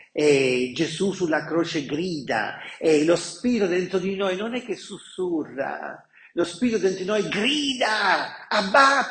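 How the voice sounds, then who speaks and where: Priest preaching slowly in an echoey hall. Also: male voice, a little high. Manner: animated and conversational, acting out voices. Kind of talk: sermon.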